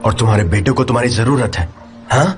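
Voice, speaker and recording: A man's voice: mid-range voice, fast, music in the background, close to an everyday voice. A man dubbing a man who cheers a fight and then scolds a brawler, in a dubbed TV drama. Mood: scolding. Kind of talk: Urdu dub of a TV drama.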